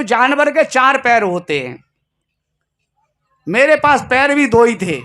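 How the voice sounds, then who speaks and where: A man's voice: very high voice, sharp tone. A man giving a Hindi sermon as a spiritual teacher, telling stories and repeating key lines for emphasis.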